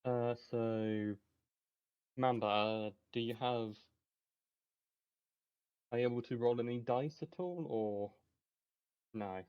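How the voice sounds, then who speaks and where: A man's voice: medium pitch, slow pace, long pauses, clean tone, lo-fi sound. A man acting as game master for a tabletop game, talking hesitantly with many fillers. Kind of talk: running a tabletop game over a call.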